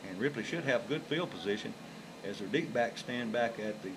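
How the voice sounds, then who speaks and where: Calling high school football in an easygoing, folksy manner, this announcer has a lowish voice with lively intonation and a slightly fast pace. Background noise from the live broadcast is clearly audible.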